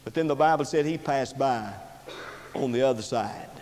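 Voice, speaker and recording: A man preaching a sermon in a church, impassioned, rising and falling sharply in pitch and loudness. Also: unhurried. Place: church sanctuary. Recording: reverberant church hall recording.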